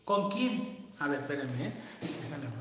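A man's voice: on the high side, sing-song, unhurried, slight background noise. Campy Mexican man in an echoey room. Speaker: livestreamer. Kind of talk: casual livestream chat reading viewer comments. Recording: very echoey room with long reverb.

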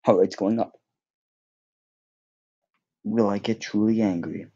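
A man's voice: lowish voice, steady tone, slow pace, warm tone, dull audio. A young man giving casual, joking gameplay commentary, rambling with many fillers and mocking himself. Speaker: gaming YouTuber.

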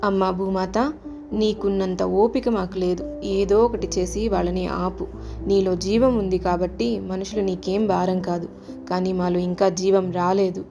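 A woman's voice: medium pitch, steady tone, a little slow, creaky, over music. A woman voicing a group of frightened planets, complaining fearfully in a storybook tale.

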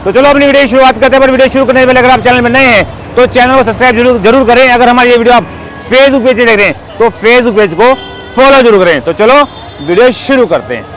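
Quick high-voiced man vlogging a street market. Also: fairly bright tone, rough recording. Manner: upbeat, repeats "bhai" and "theek hai". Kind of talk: walking market vlog, chatting with sellers. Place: busy outdoor street market. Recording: outdoor crowd noise behind. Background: crowd chatter and traffic.

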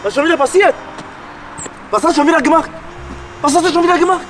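A man acting as a loud, bossy best friend in a comedy sketch, scolding and repeating himself. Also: sits high, lively intonation, moderate pace. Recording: echoey room with loud music.

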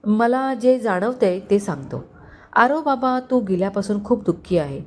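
A woman's voice: medium pitch, expressive, unhurried. A woman voicing a kindly older male family servant who speaks tenderly and pleads with a fatherly tone. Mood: gentle.

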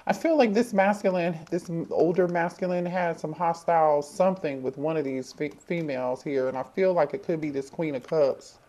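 A woman's voice: low voice, normal speed, hardly any pauses, mellow. A woman doing a casual tarot reading for viewers, thinking aloud, asking the cards questions and repeating herself as she goes. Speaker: tarot reader.

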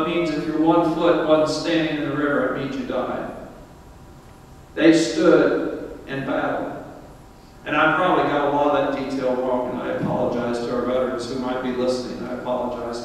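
A fairly high-voiced man preaches with emphasis from the pulpit, pushing his voice up on each key point. He stands well back from the microphone, so his voice carries a long, booming church reverb. A faint hiss sits under the sound. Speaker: pastor. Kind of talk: sermon. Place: church sanctuary. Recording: echoey church hall, mic far off.

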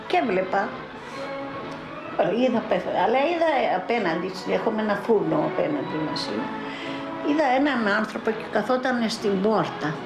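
An older woman from Greece giving spoken testimony as a mother in a documentary, telling her story in halting, broken-off phrases. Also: mid-range voice. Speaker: mother recounting her son's arrest. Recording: roomy archival 1982 film sound.

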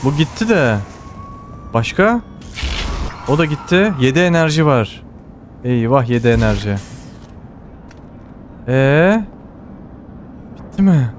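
Excitable Turkish man narrating gameplay. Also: mid-range voice, slow pace, pauses often, a little hiss or hum. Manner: excited, exclaiming, repeats words. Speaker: gamer. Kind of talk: live game commentary.

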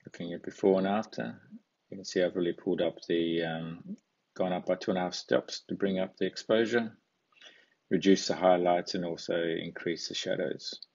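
Deep gravelly man, husky and dull. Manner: relaxed, thinking aloud with fillers. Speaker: photography channel host. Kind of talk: casual screen-share walkthrough. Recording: dull lo-fi recording.

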